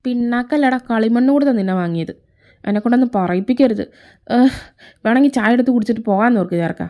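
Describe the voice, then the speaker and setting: A woman voicing a middle-aged mother who scolds her grown son in a sharp-tongued way, in a fan fiction audio story. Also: a little high, fast talker, lightly acted. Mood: scolding.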